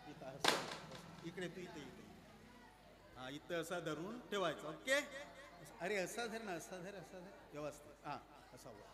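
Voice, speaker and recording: A man performing a magic show for children, coaxing and quizzing his young audience in a playful, lively way. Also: high voice, heavy background noise. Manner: playful, coaxing, asks the crowd questions. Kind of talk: lively stage patter with audience.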